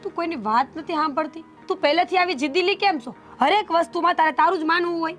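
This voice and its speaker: A woman's voice: very high-pitched, quick pace, fairly bright tone, soft background music. A woman playing a reproachful elder sister who scolds her stubborn younger sibling. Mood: scolding. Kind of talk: family drama acting.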